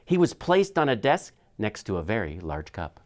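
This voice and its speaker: A school superintendent reads a children's picture book aloud, telling the story expressively with dramatic shifts. His voice is lowish, with huge pitch swings, at a moderate pace.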